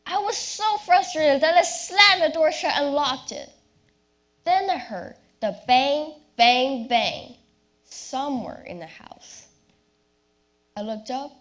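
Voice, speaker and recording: A young woman delivering a rehearsed, memorized competition speech as a personal story, with deliberate, theatrical phrasing and dramatic pauses. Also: sits high. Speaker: youth speech competition contestant.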